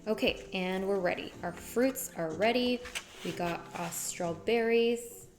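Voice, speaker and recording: A woman's voice: medium pitch, measured pace. Chatty woman cooking over music. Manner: chatty, playful, talks while cooking. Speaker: cooking streamer. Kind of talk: casual cooking chat. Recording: music playing behind.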